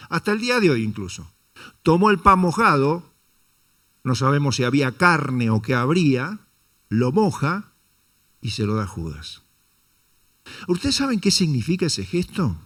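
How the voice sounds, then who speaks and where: Un predicador con acento da su sermón dominical con voz de tono medio. Lanza preguntas retóricas a la congregación y se dirige a ella como "hermano". Cambia la entonación para dramatizar las frases que cita. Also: male voice, mid-range voice, fairly bright tone. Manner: rhetorical questions, addresses the congregation as brother; dramatizes quotes with shifting intonation. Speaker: pastor. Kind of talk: sermon.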